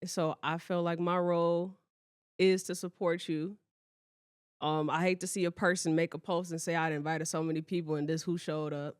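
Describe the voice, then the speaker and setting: A woman's voice: on the low side, level tone, moderate pace, clear, resonant tone, no room sound, studio quality. A woman hosting a podcast in casual chat who talks bluntly, swears freely and teases her guests with affection. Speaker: podcast host.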